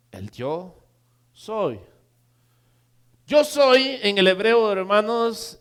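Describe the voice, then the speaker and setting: A man preaching a sermon to his church, calling the listeners brothers and putting questions to them, now soft, now loud, stretching words for emphasis. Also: high voice. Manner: addresses the congregation as brothers, asks them questions.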